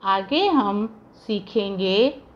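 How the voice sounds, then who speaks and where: A woman's voice: mid-range voice, lively intonation, drawn-out words, muffled recording. A woman teacher giving a phonics lesson to young children, spelling each word out syllable by syllable and then drawing out the whole word. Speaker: primary school teacher. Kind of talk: slow Hindi phonics lesson, spelling words letter by letter.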